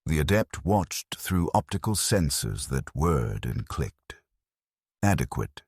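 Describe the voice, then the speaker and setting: In a dry, close recording, a man whose voice is extremely low and husky narrates dark science fiction in the first person. He speaks in a measured, grim way, though his pitch moves with real liveliness.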